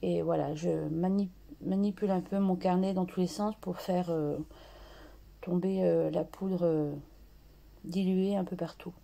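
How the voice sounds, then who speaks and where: A woman hosting a craft tutorial, slowly talking through her art journal steps with many pauses and restarts. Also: lowish voice, fairly even intonation, creaky, dark tone. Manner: slow and hesitant, many fillers and restarts.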